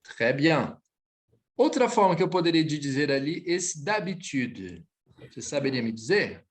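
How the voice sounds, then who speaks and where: Animated man teaching French. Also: a little high. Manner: lively, switches between Portuguese and French, slows to model phrases. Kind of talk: online class correcting students.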